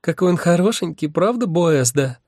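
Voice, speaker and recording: A cooing two-headed maiden. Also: male voice, a little high, animated, moderate pace, darkish tone, no echo, studio quality, pitched above the performer's own voice. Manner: gushing, cooing, sing-song. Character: lovestruck giggly two-headed young maiden. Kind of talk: audiobook character voice.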